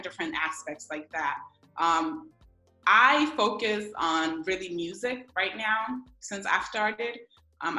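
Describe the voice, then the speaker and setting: A young woman from Ghana, a music publicist, chatting casually in an interview with lots of fillers. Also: on the low side. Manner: relaxed, many fillers. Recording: echoey room with faint music.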